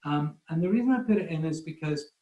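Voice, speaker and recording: A fast-talking Scotsman with a slightly high, warm, expressive voice tells loose, self-deprecating stories as a guest photographer. The casual online talk has an echoey, roomy sound.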